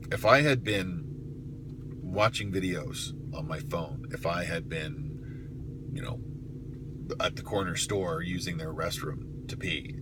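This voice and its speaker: Deep-voiced man talking over car noise. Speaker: private investigator telling of the job. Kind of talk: casual vlog monologue with storytelling. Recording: clear steady car noise.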